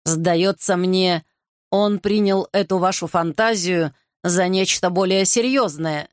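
A woman's voice: fairly low pitch, takes it slowly, no room sound, clean studio sound. A woman reader voicing a stern, commanding king who growls his threats. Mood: suspicious.

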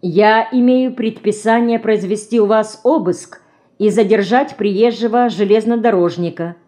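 A woman's voice: medium pitch, measured pace, warm tone, voice pushed up, close to an everyday voice. A woman reading the part of a pompous, officious male police detective in an audiobook, formal and bureaucratic, shrieking when frightened. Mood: stern, officious.

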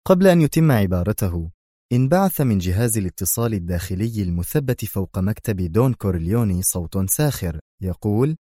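Low-voiced male audiobook narrator. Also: warm tone, no echo, clean studio sound.

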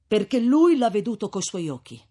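A man's voice: high-pitched, sing-song, moderate pace, dark tone, pitched above the performer's own voice. A man reading an audiobook voices an earnest young bridegroom who speaks with urgent, eager bursts.

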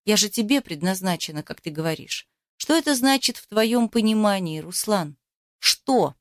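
A woman's voice: medium pitch, lively intonation, moderate pace, dry recording, clean studio sound, lightly acted. A woman reading a novel aloud and voicing a distraught young bride in tearful, pleading outbursts. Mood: bitter, hushed. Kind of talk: audiobook character voice.

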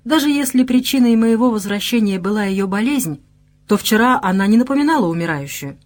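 A woman voicing a quick-tempered, capricious young bride in an audiobook, with a higher, lively delivery. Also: close to an everyday voice.

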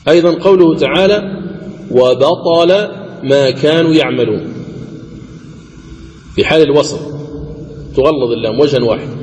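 A male recitation teacher giving a deliberate lecture, repeating each rule and slowing down to chant the examples. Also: on the high side, a little mellow, long reverb tail, a little hiss or hum, poor audio. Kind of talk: explanatory lecture on recitation rules.

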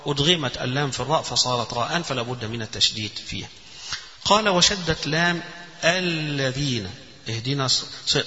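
A man's voice: mid-range voice, bright, forceful tone. A man with an Egyptian Arabic accent, teaching a religious text. He reads passages aloud, explains them step by step, and demonstrates the correct recitation. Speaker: Islamic scholar teaching a fiqh text. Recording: echoey hall, dull lo-fi sound.

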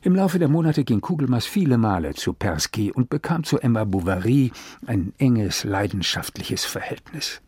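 A man narrating a literary story with a husky, breathy voice and a very lively pitch. He reads into a close mic with a dry, unechoing sound. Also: moderate pace, no echo. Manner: expressive storytelling. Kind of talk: literary reading.

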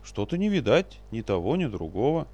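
A man's voice: medium pitch, big pitch swings, brisk, a little mellow, dull audio. A man voicing a hesitant old warrior. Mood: reluctant. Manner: hesitant, mumbling, reluctant. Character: old grey-haired male warrior, cautious and reluctant.

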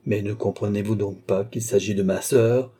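A man's voice: mid-range voice, fairly even intonation, moderate pace, mellow, breathy edge, close to an everyday voice. A man voicing a hot-headed young nobleman who speaks in indignant, clipped bursts. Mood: furious.

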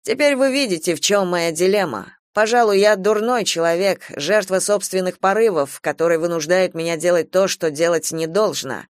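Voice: medium pitch, normal speed, hardly any pauses, no echo, studio quality, lightly acted. A reader voicing Troy, a young soldier, cool and mocking, in an audiobook. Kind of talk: audiobook character reading.

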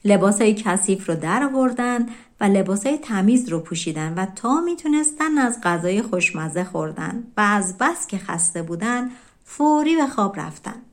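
A woman narrates a folk tale for an audiobook in a calm, easygoing storytelling voice. She reads in a relaxed, conversational way rather than a formal one, and her pitch sits in the middle of the female range.

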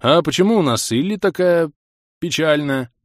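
A man reading the part of a decisive husband and family head in an audiobook, in a brisk, practical manner. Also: a little high, lively intonation, no room sound, studio quality, pitched above the performer's own voice, close to an everyday voice. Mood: friendly. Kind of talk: audiobook character voice.

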